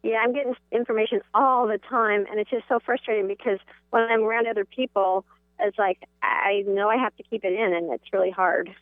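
A woman calling in to a radio show over the phone, speaking in a halting, unsure way with restarts. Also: mid-range voice, steady tone, dry recording. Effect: phone call heard on a radio show. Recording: tinny phone line.

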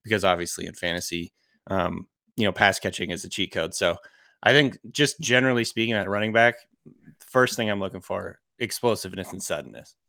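A man's voice: low-pitched, fairly quick, vocal fry, sharp tone, no echo. A man talking casually as a podcast guest and analyst, informal, peppering his talk with "like" and "you know".

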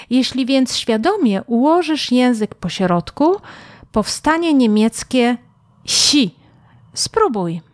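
A woman narrates a scripted language lesson in a slightly high voice. She speaks slowly and deliberately, repeating short phrases for the listener to copy. The recording is dry and close, with no room sound. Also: no room sound. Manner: slow, careful pronunciation drills with repeated phrases. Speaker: language teacher.

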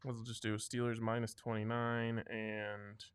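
A man's voice: lowish voice, completely flat delivery, unhurried. A man hosting a sports betting show in a casual, conversational style.

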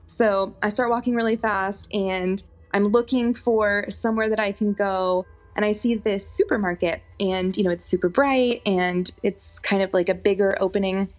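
A woman's voice: medium pitch, normal speed, hardly any pauses. A woman narrating a first-person true story in a conversational way, full of fillers and asides. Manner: conversational, animated, many fillers. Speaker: podcast narrator.

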